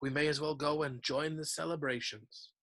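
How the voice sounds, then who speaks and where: A man reading aloud, voicing an elderly male wizard headmaster in a soft, low, unhurried way. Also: steady tone, no echo. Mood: calm.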